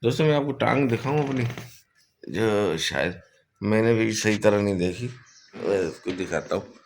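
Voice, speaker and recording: Guy vlogging from a room at home, slow deep-ish voice, loud bird squawks and noise behind. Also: lively intonation. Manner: scolds and coaxes the bird in a raised, playful voice. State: injured leg. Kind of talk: casual vlog talk to viewers and a pet bird.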